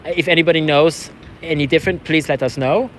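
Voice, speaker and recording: Out on a city street at a protest, a vlogger from Switzerland talks casually with the camera and the people around him. He picked up English after moving to England, and his somewhat high voice is brisk with fairly even intonation. He affirms often in a conversational way, and faint street noise can be heard.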